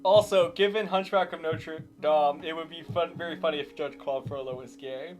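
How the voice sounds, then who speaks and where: A woman giving casual live game commentary as a streamer, excitable, swinging between muttered asides and loud shrieks. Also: deep voice, moderate pace, soft background music.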